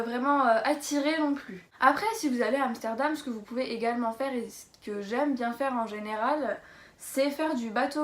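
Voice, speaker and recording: A woman's voice: on the high side, echoey room. A young woman from Lorraine chatting casually about a trip in a travel vlog, hesitant and full of fillers. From Lorraine, France. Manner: chatty, hesitant with many fillers, laughs easily. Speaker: vlogger.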